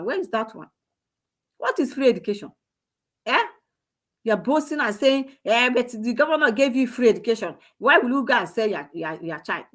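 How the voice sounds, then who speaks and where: A woman giving impassioned political commentary, scolding and firing off repeated rhetorical questions. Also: fairly high pitch. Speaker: online commentator.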